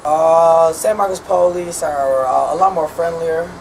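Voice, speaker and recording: A man in his twenties from Chicago, a college student giving relaxed, halting interview answers with fillers. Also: a little high. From Chicago, USA. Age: 20s. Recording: noisy background.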